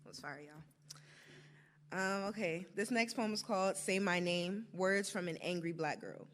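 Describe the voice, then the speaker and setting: A woman's voice: medium pitch, moderate pace. A young American woman performing spoken word poetry to a live audience, with an emphatic, rhythmic delivery. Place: live stage before an audience.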